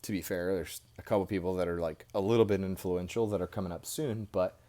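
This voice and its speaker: A low-pitched American man speaks off the cuff, like a podcast host alone with his camera. His delivery is informal and rambling, full of conversational asides, and he is recorded through a headphone mic plugged into a phone. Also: steady tone, fast, dark tone. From Indiana, United States. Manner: informal, rambling with frequent "you know" asides. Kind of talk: casual off-the-cuff monologue to camera. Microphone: headphones used as mic with a phone.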